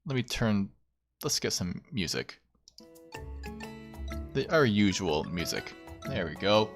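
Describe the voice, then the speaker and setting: With music in the background, a young VTuber host talks slowly in a fairly low, very animated voice. His livestream chat is casual and self-deprecating, and he often repeats his phrases.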